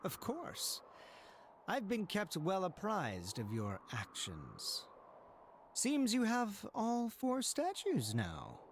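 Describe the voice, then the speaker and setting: A man voicing a cold, formal young knight in a video game, with a measured, haughty manner. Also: sits high, wildly swooping pitch, a little hiss or hum, pitched above the performer's own voice, exaggerated voice. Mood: aloof. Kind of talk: dramatic reading of game dialogue.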